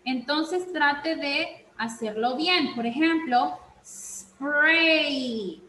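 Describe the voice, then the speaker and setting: A woman teacher giving an online reading class, speaking slowly and checking in with frequent questions, mixing Spanish and English. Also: high voice, fairly bright tone, roomy sound, slight background noise, poor audio. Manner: slow, repeats "¿ok?" often, switches between Spanish and English.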